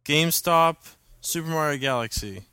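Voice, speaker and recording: A man's voice: on the high side, expressive, moderate pace, sharp tone, smooth. A man co-hosting a casual podcast, sarcastic and exasperated. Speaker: podcast co-host.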